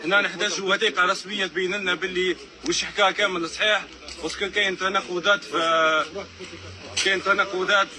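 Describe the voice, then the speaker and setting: An Algerian man giving a public statement as a families' spokesman, arguing haltingly and mixing in French words. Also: high voice, fairly even intonation, crowd noise. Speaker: spokesman for families of missing migrants.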